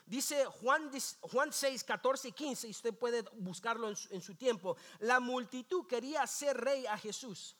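A man with a strikingly high voice preaches from the pulpit. He leads call-and-response, repeating key phrases and asking the congregation to say them back. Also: unhurried, hardly any pauses, sharp tone. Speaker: pastor. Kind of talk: sermon. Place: church sanctuary.

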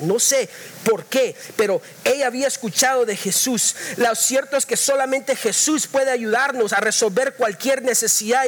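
A pastor preaching a fervent sermon in church, mixing in English phrases and often telling the congregation to listen closely. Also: male voice, very high voice, a bit bright. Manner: repeats "listen to me well" to the congregation.

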